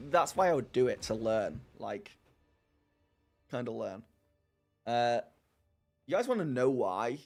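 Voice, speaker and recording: A male streamer with a mid-range voice hosts a live chat, rambling casually as he answers viewers, laughing often and poking fun at himself.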